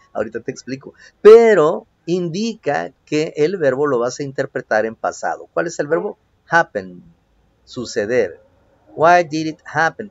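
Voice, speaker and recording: A man's voice: medium pitch, dry recording, muffled recording. A man teaching English to Spanish-speaking children, patiently repeating each phrase in both languages and checking "ok?" after each point. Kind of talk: home-learning video lesson. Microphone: phone.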